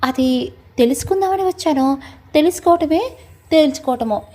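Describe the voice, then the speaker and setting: A woman's voice: high voice, animated, moderate pace, a little mellow. A woman voicing a playful, bold young woman who teases and mock-threatens in a family audio story. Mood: teasing.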